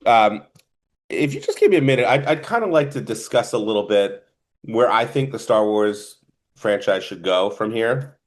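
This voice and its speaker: A man with a New Jersey accent talks through a film review on a podcast, his voice sitting a bit low. He rambles, circling back and restarting his thoughts in a loose, casual chat. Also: animated, normal speed. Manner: rambling, stop-and-start delivery. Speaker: podcast co-host.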